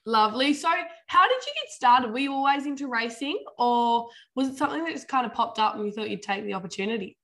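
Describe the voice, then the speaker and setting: An Australian woman hosts a relaxed, informal interview in a slightly high voice. She speaks conversationally and uses everyday slang as she puts questions to her guest. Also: fast, hardly any pauses. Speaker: podcast host, interviewer. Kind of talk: casual interview hosting.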